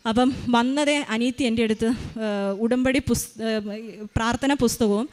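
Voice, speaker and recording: A woman's voice: fairly high pitch, moderate pace, darkish tone. A mother giving an emotional personal faith testimony, retelling events tensely with many restarts.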